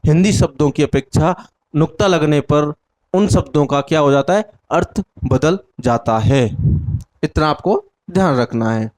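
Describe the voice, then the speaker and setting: A man's voice: on the high side, measured pace, darkish tone. A man teaching an exam-prep Hindi lesson, asking questions and answering them himself while repeating the key words. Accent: Indian Hindi.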